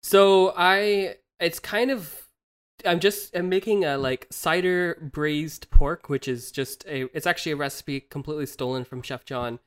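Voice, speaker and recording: A man's voice: a little high, a little slow, clean tone. Laughing, rambling young man. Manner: laughs often, rambling restarts. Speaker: podcast co-host. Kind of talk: casual chat. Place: living in Germany, from the US.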